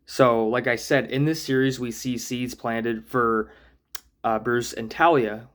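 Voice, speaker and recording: Man, channel host, relaxed review monologue, reflective with the odd filler, mid-range voice. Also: mid-range voice, unhurried. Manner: thoughtful, musing, with small hedges and fillers. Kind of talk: casual spoken analysis monologue.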